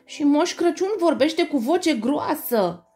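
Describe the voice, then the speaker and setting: A woman voicing a crowd of squeaky little forest mice, shrill, excited and cheeky, in a storybook reading. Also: faint music behind. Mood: mocking.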